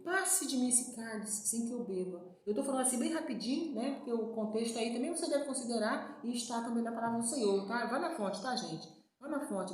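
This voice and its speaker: A woman preaching in a casual, chatty way, often turning to her listeners with "né" and "gente". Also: a little high. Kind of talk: informal sermon. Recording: very echoey room with faint noise.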